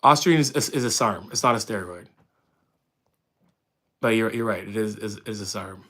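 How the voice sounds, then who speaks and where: A fitness streamer in his thirties from Windsor, Ontario, Canada, answers chat questions on a live stream. His voice is lowish and fairly bright, at a normal speed, and his manner is loose and friendly, with plenty of fillers and restarts.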